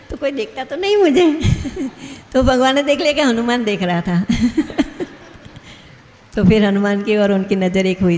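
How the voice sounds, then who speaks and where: A woman's voice: medium pitch, a little mellow. A woman giving a devotional talk to a gathering, telling anecdotes and chuckling as she goes. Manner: storytelling, chuckles often. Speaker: guest speaker at a devotional gathering. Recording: echoey hall with long reverb.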